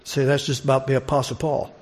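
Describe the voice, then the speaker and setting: Preaching a conversational, expository sermon to a congregation, this man poses questions to his audience and drives points home by repeating phrases. He talks quickly in a level, mid-range voice.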